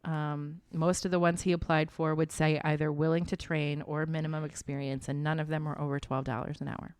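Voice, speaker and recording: A woman in her forties with a notably low voice, co-hosting a podcast. She talks casually and recounts points in a plain, matter-of-fact way with an indignant edge. The sound is dry and close. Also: little pitch movement, brisk, a little mellow, clear, resonant tone, no room sound. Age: 40s. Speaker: podcast co-host. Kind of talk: casual opinionated chat.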